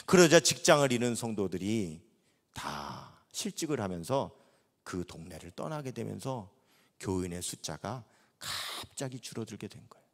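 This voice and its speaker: A man's voice: on the low side, sing-song, normal speed. A middle-aged man preaching a sermon at a revival meeting, telling a story dramatically and acting out the dialogue. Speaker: pastor. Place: church sanctuary. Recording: long reverb in a large church hall.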